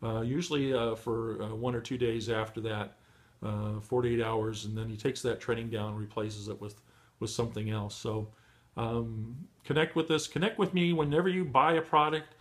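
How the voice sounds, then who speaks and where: A middle-aged man giving a motivational training talk to beginners, encouraging and full of fillers and restarts, his voice going hoarse. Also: medium pitch, steady tone, normal speed. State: losing his voice. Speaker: online marketing trainer.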